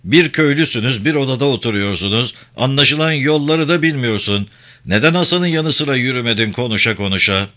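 A man's voice: animated, a little fast, bright, forceful tone. Man doing Cemal Usta, gold-toothed stonemason. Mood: teasing. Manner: teasing, paternal, low-pitched. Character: jovial gold-toothed middle-aged male stonemason.

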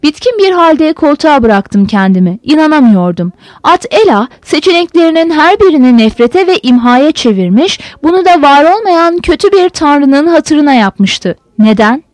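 A woman reading a novel aloud as a narrator with expressive storytelling. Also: high voice, normal speed, no room sound. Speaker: audiobook narrator. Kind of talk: scripted narration.

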